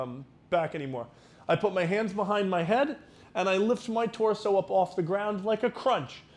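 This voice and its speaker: Man, high-pitched voice, fitness instructor, careful unhurried delivery, step-by-step exercise guidance.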